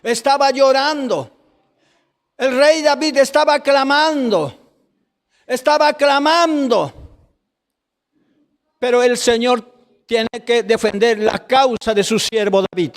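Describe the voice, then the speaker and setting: A man preaching a fiery sermon, drawing out his phrases and breaking into shouts. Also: very high-pitched. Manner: preaching with slow drawn-out phrases and sudden shouts. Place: church hall. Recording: long reverb of a church hall.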